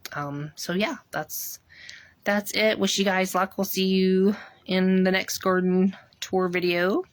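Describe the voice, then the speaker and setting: A woman's voice: medium pitch, steady tone, slow, dry recording. A woman talking in a rambling, chatty way on a casual garden tour, filming herself outdoors with a phone while out of breath. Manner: rambling, many ums, chatty. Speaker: gardening vlogger.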